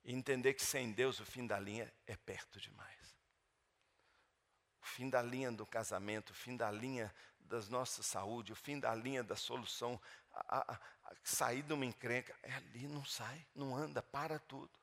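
A middle-aged man preaching, telling a personal story with fervor, swinging between loud emphatic preaching and hushed storytelling. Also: medium pitch, fairly even intonation, normal speed, creaky. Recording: long hall reverb.

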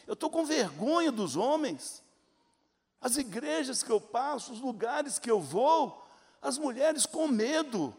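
An older male preacher with a fairly high voice delivers an emphatic sermon. He tells stories and acts out the voices of the people in them. His words ring out with a long reverb from a large hall. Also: darkish tone. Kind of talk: sermon with storytelling.

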